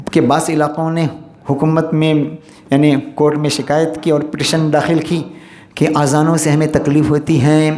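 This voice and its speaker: A man's voice: fairly high pitch, a little mellow, slight background noise. Preaching man in an echoey mosque. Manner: earnest exhorting, recites Arabic verses in between. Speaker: imam and Friday preacher. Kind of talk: Friday sermon.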